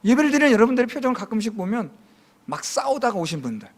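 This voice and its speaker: A man's voice: very high voice, sing-song, very fast. A man from Seoul, a pastor, giving a chatty, humorous Sunday sermon full of questions to his congregation.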